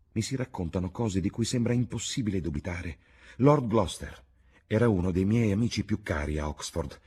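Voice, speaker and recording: A grave, earnest painter. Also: male voice, fairly low pitch, a little mellow, husky, voice pushed up. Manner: earnest, pleading. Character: grave, troubled painter, older male friend. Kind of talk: audiobook reading.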